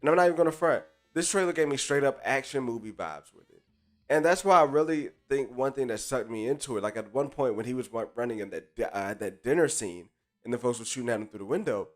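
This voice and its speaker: A man hosts a live stream with casual chat, speaking fairly quickly and expressively in a mid-range voice. Stuffy-nosed and under the weather, he still talks in hyped slang and greets chatters by name, with faint live jazz in the background.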